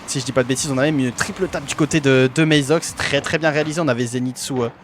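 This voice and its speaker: A man's voice: mid-range voice, fairly even intonation, fast talker, slight background noise. A man giving amateur play-by-play commentary on an esports match for his own team, hesitant, with many fillers and self-corrections.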